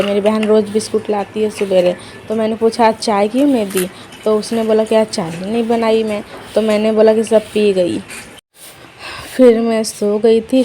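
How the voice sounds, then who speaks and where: A woman's voice: medium pitch, warm tone, slight background noise, rough recording. A young woman telling her day in a chatty vlog voice-over, talking to viewers as friends. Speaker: vlogger. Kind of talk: casual vlog voice-over narration. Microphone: voice-over dubbed at home.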